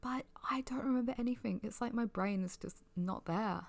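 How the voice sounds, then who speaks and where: A young adult woman giving a sleepy, casual ASMR ramble in a soft, breathy, near-whispered voice. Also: a little high, moderate pace.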